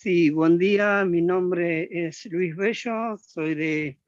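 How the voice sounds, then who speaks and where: A man introducing himself to an online class in a measured way. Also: sits high, no echo, dull audio. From Argentina. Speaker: student.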